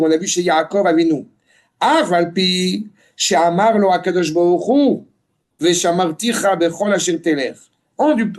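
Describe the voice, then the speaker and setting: Male religious teacher, high voice, Hebrew quotations with explanation, emphatic rephrasing. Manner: emphatic, repeats and rephrases phrases for the listeners. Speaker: religious teacher giving a Torah class. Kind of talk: Torah lesson reading Hebrew text and explaining it in French.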